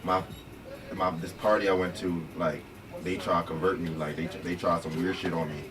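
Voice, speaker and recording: A man's voice: deep voice, little pitch movement, normal speed, crowd noise. A young man from Reading, Pennsylvania, a guest talking in a loose, slangy, profane, rambling way. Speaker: guest, show creator. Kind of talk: casual chat. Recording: distant mic with music playing.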